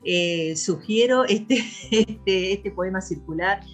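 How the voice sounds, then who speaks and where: A woman giving a measured educational presentation to teachers, pausing often on fillers. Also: mid-range voice, soft background music. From Argentina. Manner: measured explanatory delivery with frequent "este" and "eh" fillers.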